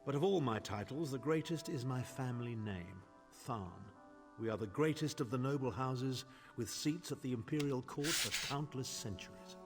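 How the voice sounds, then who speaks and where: A man's voice: mid-range voice, moderate pace, faint music behind, close to an everyday voice. A man voicing a pompous aristocratic chancellor. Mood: haughty. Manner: pompous, grandiloquent. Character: haughty aristocratic male chancellor, scheming. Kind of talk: video game voice acting.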